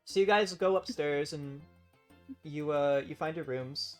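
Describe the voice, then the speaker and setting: A woman narrating as game master for a group of players, her delivery loose and full of "um" and "like". She laughs often between lines. Soft music sits behind her voice. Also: low voice, a little slow. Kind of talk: narrating a tabletop game with friends.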